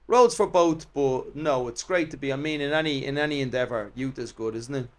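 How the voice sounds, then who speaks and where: A man's voice: medium pitch, brisk. An Irish man, an actor and comedian, chatting as a guest in a rambling, self-deprecating way. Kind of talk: casual interview chat.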